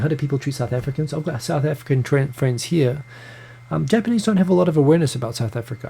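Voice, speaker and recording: A New Zealand man in his thirties, with a medium-pitched, gravelly, dark voice and a breathy edge, hosts a casual live stream from a home room in Tokyo. He reads out viewer comments, greets viewers by name, and chats along with stumbling restarts.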